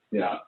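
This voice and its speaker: A veteran performer in his seventies or older reminisces casually at an online launch party, telling personal stories in an unhurried, halting, anecdotal way. The internet audio is roomy, distant, and thin, with a phone-quality sound.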